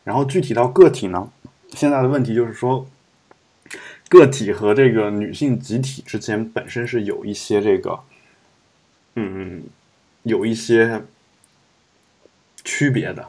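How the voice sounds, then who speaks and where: A man's voice: lowish voice, a little slow, long pauses, darkish tone, slightly rough. A man hosting a podcast, talking through his views in a rambling, reflective way with many fillers and restarts. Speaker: podcast host. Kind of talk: casual podcast discussion.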